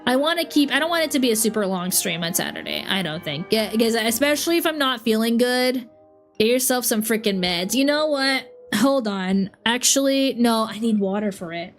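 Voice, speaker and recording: An expressive, fairly high-pitched woman talks at a moderate pace with faint music behind her. She's a young streamer with a cold, sniffly and giggling as she rambles through casual livestream chat at home, frequently interrupting herself.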